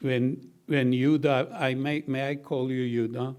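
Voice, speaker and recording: At a university reception, an older baritone gives the closing remarks as the honoree, speaking very slowly and deliberately. His pitch sits in a normal middle range and his intonation stays fairly even. His heartfelt, formal thanks are measured and sprinkled with occasional gentle jokes.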